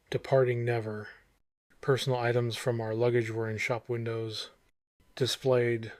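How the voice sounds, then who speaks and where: A man's voice: mid-range voice, darkish tone, no room sound. A man reads horror fiction like a vintage horror narrator, taking his time over short, suspenseful phrases. The sound is dry and close, with very little room around the voice. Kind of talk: scripted horror story narration.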